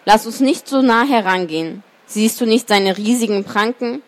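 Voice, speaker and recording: A woman's voice: a little high, moderate pace, natural voice. A woman voicing a cautious talking horse who warns its rider in a storybook reading. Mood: warning. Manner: warning, careful.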